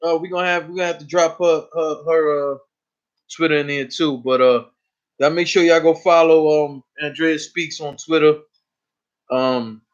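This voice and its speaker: A man's voice: on the high side, fairly bright tone. A man hosting a casual live stream, talking loosely and profanely, often repeating himself. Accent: New York. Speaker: host. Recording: dull lo-fi stream audio.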